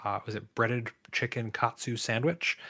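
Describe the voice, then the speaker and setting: A man's voice: medium pitch, fairly even intonation, normal speed, sharp tone. A man co-hosting a board game podcast in casual chat, telling stories and laughing often. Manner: laughing, chatty storytelling. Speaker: podcast co-host.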